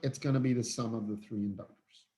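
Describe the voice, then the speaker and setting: A tired man teaching a physics lesson in an informal, halting way, with many fillers and restarts. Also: mid-range voice, steady tone, dark tone. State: tired, yawning. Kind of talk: recorded online lecture.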